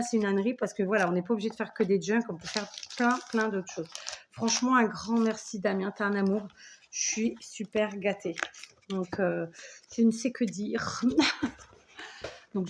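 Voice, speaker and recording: An enthusiastic woman in her forties chats through a home scrapbooking video, her pitch sitting in an ordinary middle range. She talks in a warm, effusive, rambling way, full of thanks and little asides. A faint hiss of background noise sits under the voice. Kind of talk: casual unboxing chat.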